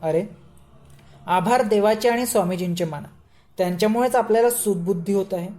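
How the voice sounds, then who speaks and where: A shrewd older man speaks firmly and sensibly, explaining his reasoning step by step. A woman reads him aloud. Her voice is mellow and soft. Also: mid-range voice, fairly quick, lightly acted. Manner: firm, level-headed, explaining. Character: shrewd, calm older man, devoted disciple.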